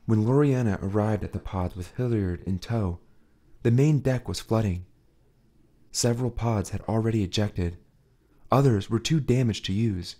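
A man narrating an audiobook with a steady, dramatic reading. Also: lowish voice, moderate pace. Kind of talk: scripted narration.

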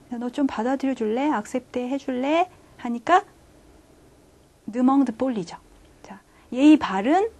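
Woman, language teacher, patient explainer, pitch a little high, slow careful example readings. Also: a little mellow. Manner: explains patiently, starting phrases with "자"; reads French example sentences slowly. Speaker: French teacher. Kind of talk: online language lecture.

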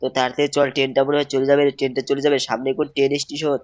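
A young man giving excited gameplay commentary, repeating himself and calling out to viewers. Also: medium pitch, racing, no echo, muffled recording. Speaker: gaming YouTuber.

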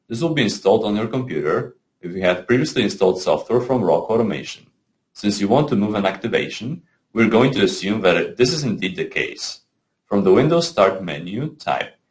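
A man with a lowish voice narrates a scripted software tutorial. He gives clear step-by-step instructions, with the occasional small slip.

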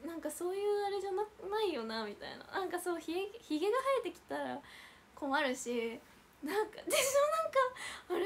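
A young woman with a high voice hosts a casual idol livestream, chatting and reading out viewer comments while giggling often.

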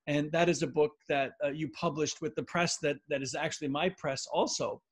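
A man's voice: a little high, steady tone, fairly quick. An older man introducing a scholar and asking questions over a video call, gracious and hesitant with many restarts. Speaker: interviewer. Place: home study lined with bookshelves.

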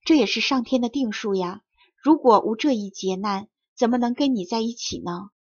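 A shy young fox-spirit woman speaks gently and hesitantly, as a woman storyteller reads her. The voice is husky and breathy. The storybook sound is dry and lo-fi. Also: a little high, moderate pace, no echo, natural voice. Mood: gentle. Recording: dull lo-fi recording.

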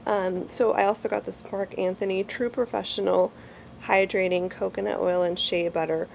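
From a small indoor room at home, a beauty vlogger in her forties chats and rambles through a product review, using many fillers. Her mid-range voice, congested and slightly nasal from a cold, is steady, gravelly, and a little mellow at a moderate pace. The rough recording has a little hiss or hum.

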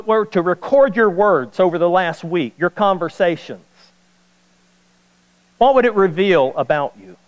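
A man's voice: high voice, long reverb tail, low-quality recording. A man preaching a sermon as pastor, repeating key points for emphasis.

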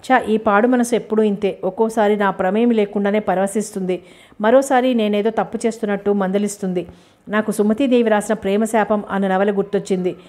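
A woman narrating a novel as an audiobook in the first person, with a steady, even storytelling read. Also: mid-range voice, brisk.

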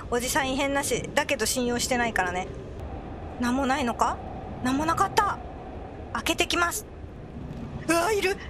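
A woman commentating on a horror game as she plays, excitable and prone to crying out when scared. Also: high-pitched, noisy background. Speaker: video game player.

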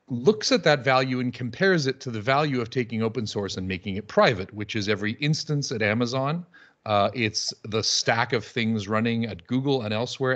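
A man's voice: medium pitch, a bit bright. Witty man talking over a muffled video call. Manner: witty, conversational, with fillers. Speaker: panelist. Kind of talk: conference talk on a video call.

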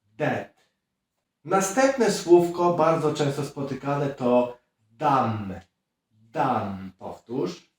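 Guy teaching pronunciation, talks real slow, boomy echoey room, kinda far from the mic. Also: expressive. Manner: slow, clear drilling of words with repeat-after-me prompts. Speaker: English teacher. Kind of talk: pronunciation lesson. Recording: very echoey room, heard from a distance.

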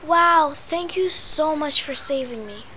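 Woman doing a squeaky damsel dog. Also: animated, takes it slowly, over music. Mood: flirty.

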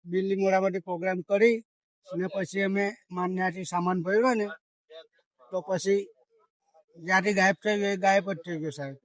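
A man's voice: sits high, fairly even intonation, normal speed, pauses often, dry recording. An older man, a former comedian and magician, pleading and crying through an emotional interview outdoors. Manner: tearful, pleading, breaks into comic newspaper patter.

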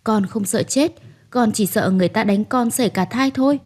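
A woman's voice: on the high side, moderate pace, a little mellow, close to an everyday voice. A woman voicing a desperate young pregnant servant who begs tearfully for mercy, reading an audio story. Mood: pleading. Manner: tearful, begging.

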